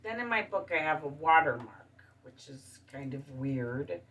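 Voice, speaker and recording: A woman hosting her show, talking calmly in a casual monologue and listing things one by one. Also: low voice, measured pace, distant mic. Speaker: show host. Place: studio.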